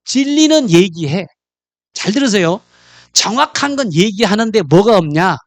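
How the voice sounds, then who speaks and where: A pastor preaching a sermon, who keeps asking the congregation questions in an animated way. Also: male voice, high-pitched, moderate pace, no echo.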